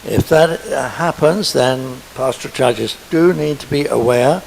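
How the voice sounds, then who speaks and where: A man addresses a church council meeting, stopping often on fillers as he goes. His delivery is slow and his voice has a gravelly edge. A faint hiss sits under the recording. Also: mid-range voice, rough recording. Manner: halting, with many filler pauses. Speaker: church member presenting a petition. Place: meeting hall.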